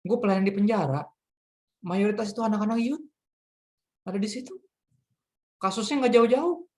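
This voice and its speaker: A man from Jakarta with a Jakarta accent, a pastor giving a casual youth sermon in lively slangy street talk. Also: sits high, normal speed. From Jakarta, Indonesia.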